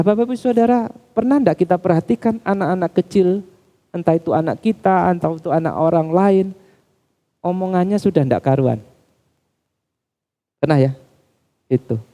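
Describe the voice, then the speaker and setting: A man preaching a sermon in a church, calling the congregation Bapak Ibu Saudara as his pitch climbs and drops. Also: mellow. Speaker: pastor.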